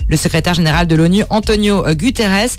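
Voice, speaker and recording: A man reading a radio news bulletin in a steady, formal manner. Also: high voice, a little fast, soft background music. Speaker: newsreader.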